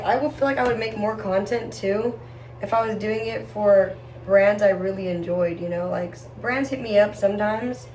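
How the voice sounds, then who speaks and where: A young lifestyle vlogger chats casually to camera indoors in a get-ready-with-me video, rambling in a slangy, girly way. Her voice is medium-pitched and a little mellow, recorded on a distant mic in a roomy space with faint background noise.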